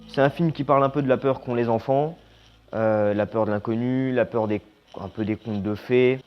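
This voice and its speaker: A man giving a casual, opinionated horror film review. He is blunt and slangy, and his voice trails off quietly at the ends of phrases. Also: mid-range voice, moderate pace. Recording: slightly dull lo-fi sound with faint music.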